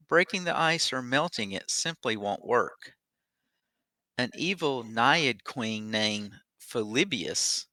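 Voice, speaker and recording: A man voicing the gruff ghost of an old sea captain in salty sailor talk for a tabletop game. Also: medium pitch, sharp tone, dry recording, exaggerated voice. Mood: grave. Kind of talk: tabletop role-play.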